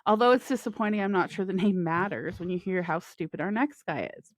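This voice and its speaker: A woman's voice: lowish voice, a little fast, no echo. A woman co-hosting a podcast, casually telling crime stories and laughing often. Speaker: podcast co-host. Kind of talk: casual true-crime chat.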